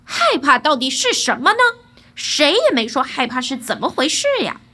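A woman voicing a brash, fearless young man who talks loudly and cockily in a fairy tale. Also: high-pitched, very animated, normal speed, full character voice. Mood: puzzled. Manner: loud, cocky shouting.

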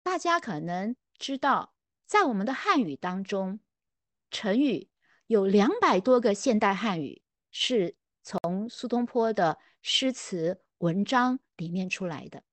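A woman's voice: mid-range voice, animated, a little slow, no room sound. Middle-aged woman scholar, conversational storytelling lecture, dry close-mic sound. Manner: reflective, conversational, acts out quoted dialogue. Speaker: literature scholar.

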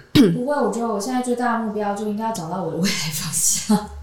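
A woman's voice: medium pitch, fairly quick, a loud crowd. A young woman, chatting casually as a guest and telling a long, rambling story between frequent giggles. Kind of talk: casual chat. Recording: roomy echoing room.

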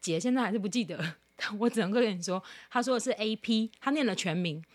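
A woman from Taiwan chatting casually as a podcast co-host, telling an animated story, mimicking other people's voices and laughing often. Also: medium pitch, fast talker. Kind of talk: casual chat.

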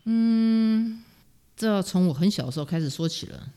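A middle-aged woman speaks Mandarin with a Taiwanese accent, telling her stories as a guest in a relaxed interview. She is animated and self-mocking, and she laughs often between her lines. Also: medium pitch, moderate pace, clear, resonant tone. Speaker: guest, music teacher. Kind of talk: casual storytelling interview.

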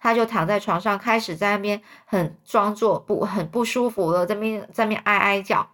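A woman's voice: medium pitch, fairly quick, fairly bright tone. Chatty storyteller woman. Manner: chatty, rephrasing, explaining to listeners. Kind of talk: casual storybook retelling.

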